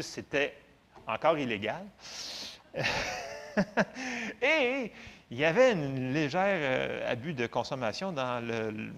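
A man with a Québécois French accent giving a faith testimony in an animated, conversational, self-mocking way. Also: medium pitch, gravelly. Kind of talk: storytelling testimony to an audience.

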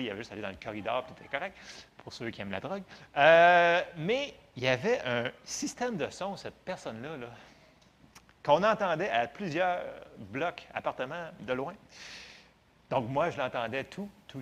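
A man with a Québécois French accent giving a faith testimony in an animated, conversational, self-mocking way. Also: on the high side. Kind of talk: storytelling testimony to an audience.

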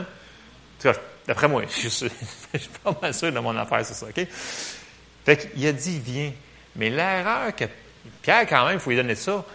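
Man, Québécois French accent, casual sermon, lively and joking, bright tone. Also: mid-range voice. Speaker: preacher. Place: church.

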